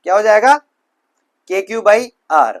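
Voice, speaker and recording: High-voiced physics teacher. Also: male voice, lively intonation, unhurried. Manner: talks students through steps with frequent rhetorical questions; repeats himself, self-corrects mid-sentence. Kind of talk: whiteboard physics lecture.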